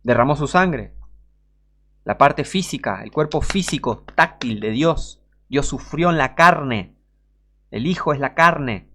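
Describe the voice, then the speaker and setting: A man's voice: mid-range voice, animated, slow pace, bright, forceful tone. Preacher, male, Rioplatense Spanish accent; emphatic, rhetorical sermon delivery aimed at the listener. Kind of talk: informal online sermon.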